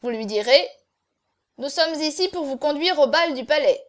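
A woman's voice: high-pitched, lively intonation, normal speed. A woman voicing a small hunchbacked man who gives orders in a curt, stubborn tone.

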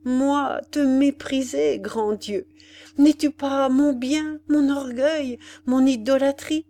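A woman's voice: a little high, unhurried, darkish tone, lightly acted. A woman reading aloud, voicing a desperate young woman who pleads with her beloved in an impassioned, tearful way. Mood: anguished.

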